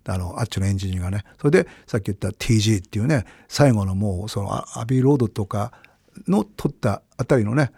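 A middle-aged man hosting a radio show, telling his own stories in a casual, animated way that swings between loud bursts and low mumbles. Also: quick pace, gravelly, breathy edge, no room sound, clean studio sound. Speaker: radio host. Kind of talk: casual storytelling monologue.

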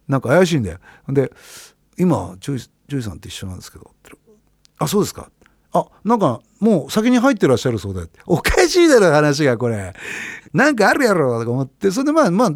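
A man's voice: fairly high pitch, breathy edge, no room sound, clean studio sound. A middle-aged man, hosting a radio show and telling a story in a casual monologue, acting out the people he quotes. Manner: animated, quotes people with voice changes. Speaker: radio host.

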